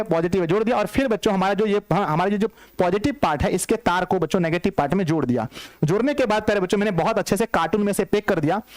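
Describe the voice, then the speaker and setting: A man's voice: sits high, darkish tone, no echo. A man with a Bihari Hindi accent teaching a school physics lesson, coaxing his students and answering his own questions over and over.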